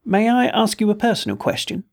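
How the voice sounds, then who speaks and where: A man reading a flat-spoken ship's doctor. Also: high voice, vocal fry, pitched above the performer's own voice, heavily acted. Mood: measured. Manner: flat, measured. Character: male human ship's doctor, tense.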